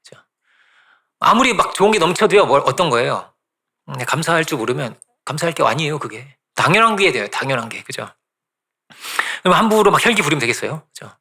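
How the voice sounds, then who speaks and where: A man's voice: on the high side, gravelly, bright, forceful tone, breathy edge. A male pastor giving a conversational sermon, often asking the congregation "right?" and repeating phrases for emphasis.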